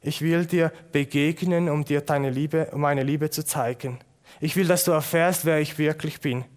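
A male preacher voicing the risen Jesus as a calm, loving man, speaking gently and reassuringly. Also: fairly high pitch, normal speed, lightly acted. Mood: tender.

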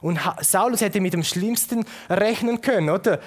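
A male preacher giving a sermon in an earnest way, posing rhetorical questions and slowing down for emphasis. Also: high voice.

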